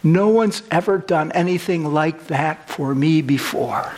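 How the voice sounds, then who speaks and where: A man's voice: a little high, a little slow, a little mellow, a little hiss or hum, close to an everyday voice. A man voicing an arrogant middle-school boy in a sermon story. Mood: remorseful.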